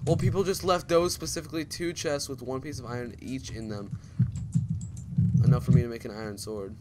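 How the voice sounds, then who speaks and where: Excitable male gamer over crowd noise. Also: mid-range voice, fairly quick. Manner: excitable, shouts when winning, mumbles when calm. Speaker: channel host playing a video game. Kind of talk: casual gameplay commentary with a friend.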